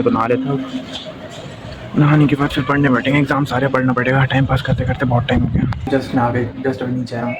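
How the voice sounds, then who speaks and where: A young man rambles through his day in a brisk, flat-toned daily vlog, filmed on a phone he holds himself. Clear background noise sits under his voice throughout. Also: mid-range voice. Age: young adult. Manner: chatty, rambling, talking to camera about his day. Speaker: vlogger. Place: home and rooftop. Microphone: phone held in hand.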